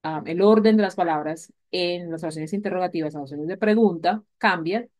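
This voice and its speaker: A woman's voice: lowish voice, fairly quick, darkish tone. Woman, English teacher, patient, repetitive explanations, recorded class lecture. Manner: patient, repeats key points, asks "¿vale?" often.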